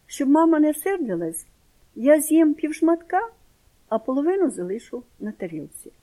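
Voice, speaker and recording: A woman voicing a shy, proud small village boy, speaking higher and more eagerly than her narration. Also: big pitch swings, normal speed, mellow. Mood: pleading.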